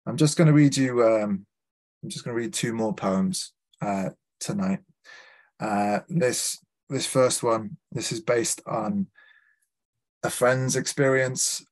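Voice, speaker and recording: Scouse guy reading his poems at a lit fest, lowish voice, takes it slow, few ums between poems. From Liverpool, England. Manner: measured, deliberate reading with small hesitant fillers between poems. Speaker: poet. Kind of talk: live poetry reading with spoken introductions. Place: literary festival event.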